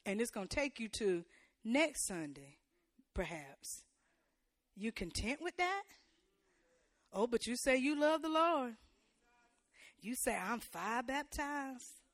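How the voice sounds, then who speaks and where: A woman's voice: a little high, lively intonation, takes it slowly, pauses often, no echo, studio quality. Woman preaching in church, fervent and folksy. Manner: call-and-response preaching, rising to loud emphatic peaks; colloquial, playful asides to the congregation. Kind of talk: sermon.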